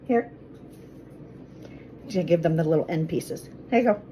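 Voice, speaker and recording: A woman's voice: deep voice, normal speed, dark tone, slight background noise, poor audio. A woman chatting casually as she makes fruit water in her home kitchen. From Colorado. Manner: chatty, friendly, talks while cooking. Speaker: vlogger.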